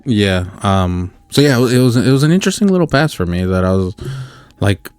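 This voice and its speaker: A man with a fairly low voice talks loosely about games he missed, trailing off and restarting his sentences. The sound is close and dry, with faint music underneath. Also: very animated, fairly quick, darkish tone, clean tone, no echo. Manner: rambling, many fillers and restarts. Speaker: podcast co-host. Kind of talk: casual chat about video games.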